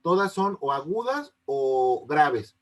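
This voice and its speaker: A male teacher with a fairly high voice talks through an online lesson over a video call. He explains patiently, step by step, and keeps asking whether the students are following. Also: sing-song, slow. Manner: patient, checks often that students understand. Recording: unstable connection.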